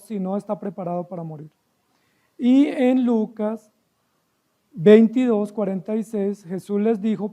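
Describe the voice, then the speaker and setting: A man's voice: very high voice, mellow. A man with a Colombian accent preaching an expository sermon as pastor, emphatic and full of rhetorical questions to his listeners.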